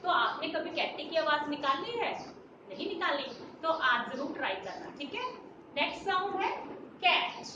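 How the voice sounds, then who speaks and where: A woman's voice: sits high, animated, moderate pace. A woman, teaching a nursery class in a sing-song way, mixing Hindi and English and asking the children questions. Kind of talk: children's lesson. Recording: roomy, distant, dull, noisy.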